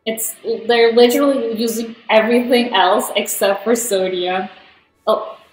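A woman's voice: fairly high pitch, steady tone, unhurried, slight background noise. A young woman from Turkey chatting casually while playing a cooking game, rambling with lots of fillers. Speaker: gaming vlogger. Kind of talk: casual gameplay commentary. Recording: roomy, music underneath.

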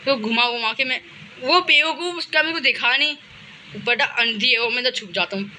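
Young indian guy yelling at himself thru a scary game, super bright squeaky voice, faint noise behind. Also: moderate pace. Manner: panicky, talks to himself by name. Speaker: gaming channel host. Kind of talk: excited horror game commentary.

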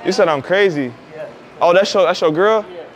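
A man's voice: high voice, a little fast. A man in his twenties, a vlogger who chats up strangers in a brash, slangy, joking way. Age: 20s. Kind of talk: street prank vlog, casual chat. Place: indoor mall and outdoor basketball court.

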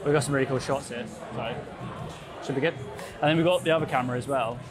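A man's voice: medium pitch, fast, loud music behind the voice. A man, a photographer chatting casually to camera and explaining his gear while he shoots in the street. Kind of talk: casual vlog commentary. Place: busy London streets and graffiti tunnel, outdoors. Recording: crowd noise behind.

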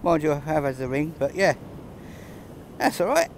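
A man's voice: on the high side, expressive, normal speed, a little hiss or hum. A man giving casual running commentary while metal detecting on a pebble beach, chatty and understated, chuckling between finds, recorded on a handheld camera outdoors. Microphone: camera held close, filming his hands.

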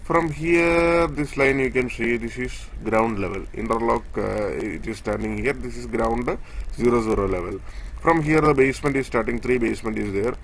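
This is a man teaching a technical topic by screen share, moving step by step across a drawing in a halting, filler-heavy way. His voice is mid-range, with a little background hiss or hum.

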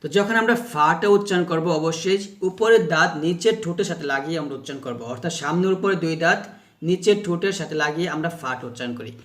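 A man with a fairly high voice teaches letter pronunciation in a slow, patient way. He says each point more than once and stops to sound out single letters as examples. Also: a bit bright. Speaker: Quran recitation teacher. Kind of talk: explaining Arabic letter pronunciation.

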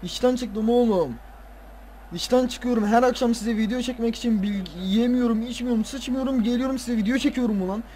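A tired man playing a football video game, casually commenting, swearing and ranting at the players with excitable outbursts. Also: extremely high pitch, fairly quick, slight background noise. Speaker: gaming video creator.

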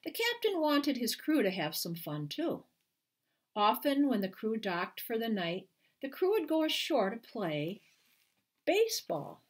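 An older woman, sixty or beyond, reads a children's book to the camera from a small living room at home, acting as the author at storytime. Her husky voice sits on the high side, and her deliberate, expressive reading is broken by brief explanatory asides.

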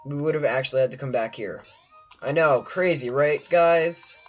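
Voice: medium pitch, moderate pace. A let's play host chatting casually over gameplay and talking to the viewers in a playful way. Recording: muffled lo-fi mic with faint game music.

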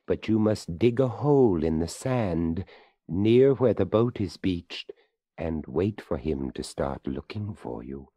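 A man's voice: low voice, expressive, slow pace, mellow, slightly rough, no echo, heavily acted. A man voicing a courteous, formal old male skeleton in a storybook reading. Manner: formal, polite.

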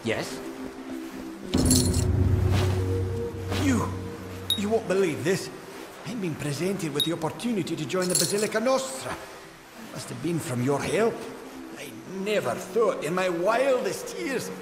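Flustered gnome scribe, swooping pitch, echoey. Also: male voice, sing-song. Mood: amazed, grateful. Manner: hesitant, halting, fretful. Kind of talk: video game character dialogue. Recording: echoey hall reverb with music behind.

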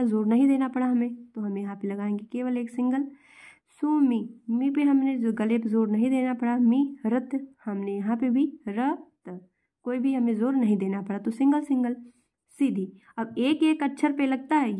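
A woman teaching a lesson in a mellow, warm voice that sits a little high. She explains step by step, asking questions and answering them herself. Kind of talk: classroom-style lesson.

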